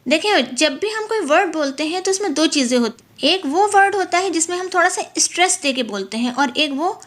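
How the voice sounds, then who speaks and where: A woman teaching a lesson on English poetry, explaining in Urdu-Hindi and reading the English text slowly and carefully. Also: very high-pitched, animated, fairly bright tone. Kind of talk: lecture.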